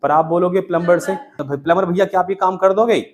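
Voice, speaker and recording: A man's voice: high voice, quick pace. Chatty Indian man teaching a class. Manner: chatty, scolding, joking teacher. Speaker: English teacher. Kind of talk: classroom lecture.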